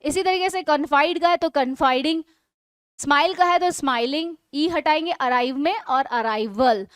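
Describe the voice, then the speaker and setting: High-voiced woman teaching spelling rules. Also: no echo. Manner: explains in Hindi mixed with English, asks and answers own questions; reads English rules slowly and deliberately. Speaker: English teacher. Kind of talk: online spelling lesson.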